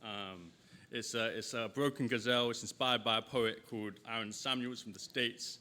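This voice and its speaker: A man's voice: mid-range voice, steady tone, normal speed, bright, forceful tone. A young man reading his poetry aloud at a festival, rhythmic and emphatic, with chatty asides between poems. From England. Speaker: poet. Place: festival stage before an audience.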